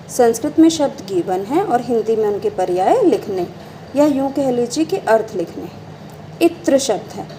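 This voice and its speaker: A woman teacher with a slightly high, warm voice explains exercises to her class on a rough recording carrying slight background noise. Patient throughout, she calls pupils beta and frequently raises questions before supplying the answers herself.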